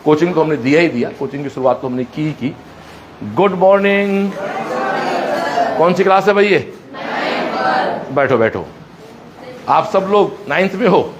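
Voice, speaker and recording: Touring his own campus, the coaching and school founder chats with students and speaks to the camera through classrooms and corridors in a live vlog. His voice is a little high, with lively intonation, normal speed and frequent pauses, against background noise.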